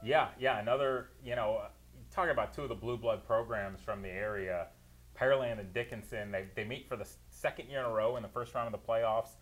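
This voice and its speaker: A man recaps football games play by play on a sports talk show. He is detailed and opinionated and laughs easily. His voice sits at an ordinary mid-range pitch. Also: brisk, faint music behind. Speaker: producer and sports analyst.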